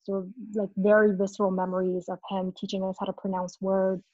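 Interview guest: woman from Vietnam, thoughtful and hesitant, medium pitch, dull dry recording. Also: monotone, fairly quick, warm tone, no room sound. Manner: reflective, frequent ums. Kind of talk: conversational interview. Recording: muffled, dull sound.

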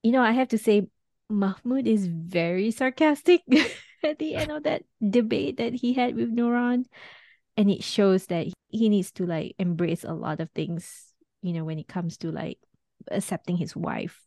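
A woman's voice: medium pitch, a little slow, darkish tone, no echo. Dry-voiced woman in casual chat. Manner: thoughtful, talks in loose chains with many "like"s. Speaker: podcast co-host.

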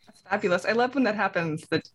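A woman with a husky voice, interviewing guests conversationally and encouragingly as a podcast host. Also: medium pitch, fast talker.

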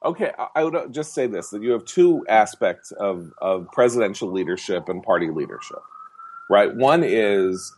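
A man co-hosting a podcast, laying out a political argument point by point in a measured way. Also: lowish voice, animated, a little mellow. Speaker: podcast co-host. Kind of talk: casual political chat.

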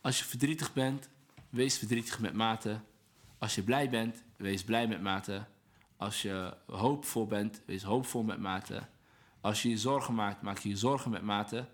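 A man's voice: fairly low pitch, a little slow. Earnest man preaching patience in casual talk. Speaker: guest speaker on Islam. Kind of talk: casual podcast conversation, preaching tone.

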